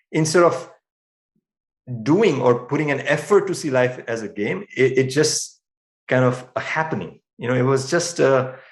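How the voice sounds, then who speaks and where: A man speaks as a podcast guest in a reflective, earnest way, often restarting his phrases as he thinks. His voice sits at a middle pitch. The room around him sounds echoey. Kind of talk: reflective interview talk.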